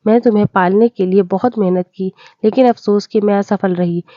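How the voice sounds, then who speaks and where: A woman voicing a poor, aging village mother in a storybook, speaking in a gentle, pleading way. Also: mid-range voice, fairly even intonation, moderate pace, no room sound, muffled recording, natural voice. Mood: sorrowful. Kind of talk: storybook voice acting.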